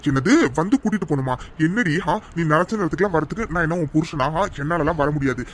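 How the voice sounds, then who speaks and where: A man's voice: a little high, fast, a little hiss or hum, close to an everyday voice. A man voicing a curt, mocking young man who brushes off a caller in a cartoon love story. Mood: irritated. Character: rude, dismissive young man. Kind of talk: cartoon voice acting.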